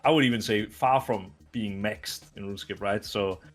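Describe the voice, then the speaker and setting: Danish-raised man in his twenties, relaxed. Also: on the low side, normal speed, soft background music. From Denmark. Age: 20s. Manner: relaxed, rambling answers full of fillers and laughs. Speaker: interview guest, retired esports player. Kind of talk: casual video interview.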